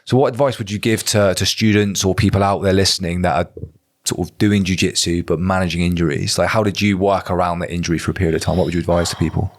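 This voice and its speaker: Man, forty, deep low voice, podcast host, relaxed rambling questions. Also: fast talker. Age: 40s. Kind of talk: casual interview questions.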